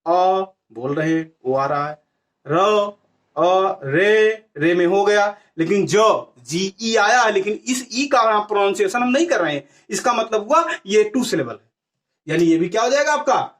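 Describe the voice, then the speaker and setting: A man. He poses a question, pauses, and then answers it himself. He goes over each key word more than once as he explains. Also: high voice, lively intonation, fairly bright tone. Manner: asks questions and answers them himself, repeating key words. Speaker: teacher. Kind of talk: classroom grammar lesson.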